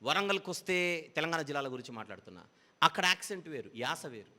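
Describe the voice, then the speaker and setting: A man's voice: a little high, sing-song, fast, sharp tone, long reverb tail. A man preaching a Bible teaching sermon, explaining patiently with repeated parallel phrases.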